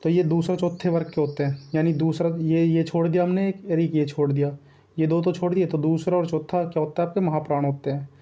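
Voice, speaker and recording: A man's voice: a little high, steady tone, a little fast, warm tone, dull audio. A young man teaching an exam-prep grammar lesson, repeating points and sounding out letters over and over. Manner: repetitive, coaxing, drills sounds aloud.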